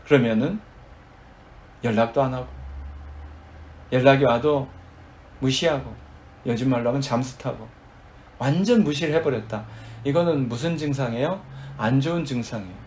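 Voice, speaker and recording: A man's voice: medium pitch, normal speed, pauses often, darkish tone, slight background noise. A man preaching a sermon as pastor, addressing the congregation and acting out dramatic quoted prayers.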